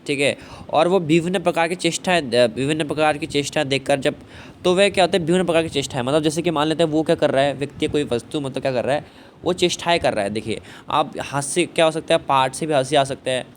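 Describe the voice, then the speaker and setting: A man teaching a poetry lesson, repeating himself, asking and answering his own questions, with frequent fillers of "thik hai" and "bhai". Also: fairly high pitch. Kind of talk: explaining a Hindi poetry lesson. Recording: faint background noise.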